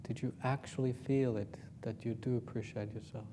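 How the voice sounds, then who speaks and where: Background noise accompanies a Finnish monk's guided meditation, delivered in a medium-pitched voice with fairly even intonation. He speaks with a Finnish accent, informal and gently joking, using soft, slow guiding lines.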